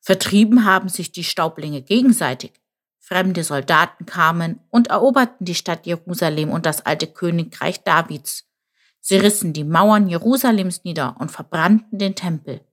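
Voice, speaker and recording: A woman's voice: on the low side, moderate pace, close to an everyday voice. A woman voicing a small, clever male jackal who tells tales in a knowing, slightly scornful way. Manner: knowing, leisurely storyteller.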